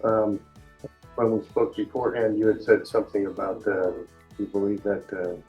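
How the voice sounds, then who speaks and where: A man's voice: lowish voice, fairly even intonation, normal speed, soft background music. A man questioning a witness in court as a lawyer, hesitant with many fillers, heard in a courtroom recording. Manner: hesitant, many ums and uhs. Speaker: defense lawyer. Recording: dull lo-fi courtroom audio.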